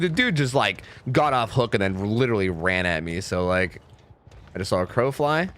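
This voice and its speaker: A young man streaming live gameplay commentary, animated and swearing freely, jumping into high-pitched panic. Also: slight background noise.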